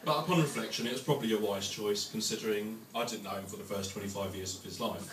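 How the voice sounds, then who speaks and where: A man's voice: lowish voice, fast talker. A young British man giving a wedding toast speech as best man, with dry, joking delivery to the guests. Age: young adult. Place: large room with wedding guests. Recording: echoey, noisy room, distant microphone.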